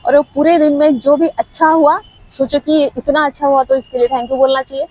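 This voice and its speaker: A woman's voice: high voice, steady tone, fairly quick, a little mellow, rough recording. A woman giving a casual motivational talk to camera outdoors, coaxing and conversational, dropping English words into her sentences. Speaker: motivational speaker.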